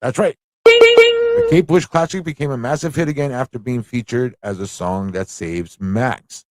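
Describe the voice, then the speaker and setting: Hosting a relaxed trivia livestream about pop culture, a man banters playfully and muses aloud to his audience. He speaks at a normal speed with a medium-pitched, sing-song voice, and the recording is dry.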